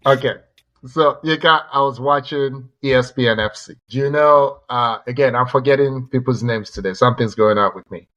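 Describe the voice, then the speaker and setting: A man's voice: medium pitch, moderate pace, fairly bright tone, muffled recording. A man co-hosting a podcast, chatting casually about sports and eagerly jumping in to make his points. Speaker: podcast co-host.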